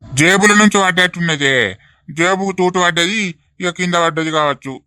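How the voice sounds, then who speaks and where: Cartoon old husband, Telangana accent, high bright flat-ish voice, pleading; male actor. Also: fairly quick, smooth, no echo. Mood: plain. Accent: Telangana Telugu. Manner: pleading, coaxing. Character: older village husband, remorseful grandfather. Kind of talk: animated comedy voice acting.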